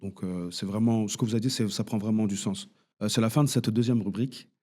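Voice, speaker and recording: A man hosting a political debate, moving briskly through the segments. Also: fairly low pitch, steady tone, mellow. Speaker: host.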